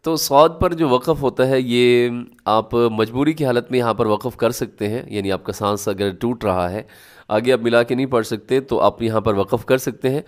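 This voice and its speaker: Clear-voiced man teaching Quran recitation. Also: mid-range voice. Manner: explains rules, then models each word slowly and loudly; asks rhetorical questions to the class. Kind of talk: tajweed lesson.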